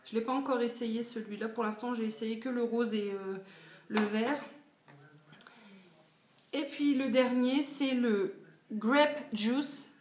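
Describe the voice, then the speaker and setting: A woman's voice: a little high, fairly even intonation, unhurried, pauses often, darkish tone. A woman in her twenties chatting casually about her purchases in a beauty haul video, with lots of fillers. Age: 20s. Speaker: beauty vlogger. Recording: echoey room, faint noise.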